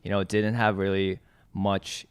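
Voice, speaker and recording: Low-voiced, halting podcast host man. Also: little pitch movement, clear, resonant tone, no echo, studio quality. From US East Coast. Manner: halting, repeats words, asks leading questions. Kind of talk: casual chat.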